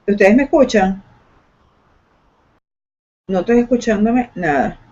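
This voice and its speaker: A woman's voice: mid-range voice, slow, mellow, breathy edge. A woman teacher speaking in an online class, hesitant with many fillers and restarts, over a video call microphone. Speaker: computer science teacher. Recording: dull lo-fi call audio.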